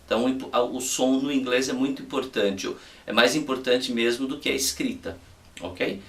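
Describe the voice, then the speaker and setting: A man's voice: mid-range voice, normal speed, roomy sound, distant mic. A man giving a casual video lesson as an English teacher, patiently repeating examples and checking in with "ok?" after each point.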